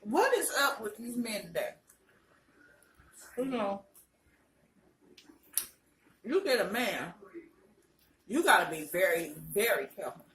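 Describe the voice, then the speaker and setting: A woman's voice: medium pitch, big pitch swings, slow, long pauses, fairly bright tone. A woman chats casually and frankly between bites of crunchy fried chicken, in a colloquial mukbang style. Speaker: vlogger. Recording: roomy, distant mic, faint noise, clicks.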